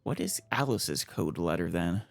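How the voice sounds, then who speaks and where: Very low, creaky woman commentating. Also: lively intonation, measured pace. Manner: musing aloud, reactive. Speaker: let's player. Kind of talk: casual gameplay commentary.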